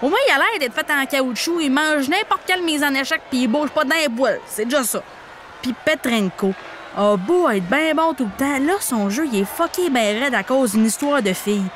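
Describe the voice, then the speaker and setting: A woman with a Québécois accent hosting a comic recap podcast, slangy and animated, playing a mock hockey coach. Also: high-pitched, moderate pace, a little hiss or hum. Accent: Québécois French. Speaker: podcast host recapping a TV series.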